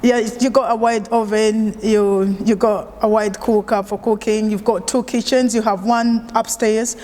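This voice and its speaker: A woman's voice: on the high side, unhurried, long reverb tail. A woman chef originally from Uganda, talking in an easygoing, conversational way with plenty of fillers during an oral history interview. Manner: relaxed, conversational with frequent fillers.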